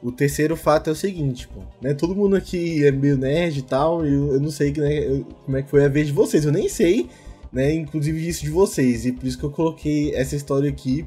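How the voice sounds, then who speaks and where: Husky young Brazilian man telling casual stories. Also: fairly high pitch, mellow. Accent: Brazilian Portuguese. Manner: slangy, jokey, rambling with frequent tag questions. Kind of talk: casual storytelling chat among friends.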